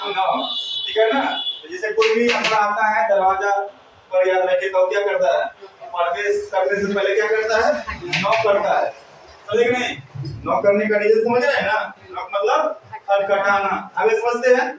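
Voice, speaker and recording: A man's voice: high voice, moderate pace, dull audio, slight background noise. A male teacher giving a classroom lesson, drilling students with repeated questions and call-and-response. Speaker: English teacher. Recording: echoey room, mic far off.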